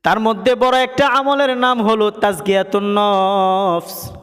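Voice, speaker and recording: A man preaching a sung waz sermon, chanting lines in a melodic sing-song and rising to high emphatic calls. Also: steady tone, measured pace, fairly bright tone, smooth. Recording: echoey hall with music behind.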